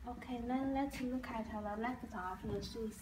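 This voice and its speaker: A woman who speaks Chinese as her first language and has a Chinese accent narrates a product showcase for an online shoe seller. Her voice sits a little high, and she names each part in short, simple, halting English phrases. The recording is noisy and has clicks in it. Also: steady tone. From China.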